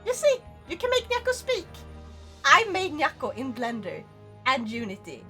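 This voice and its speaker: A woman livestreamer chatting casually while gaming, giggly and excitable, swearing freely. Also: sits high, normal speed, soft background music. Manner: frequent swearing.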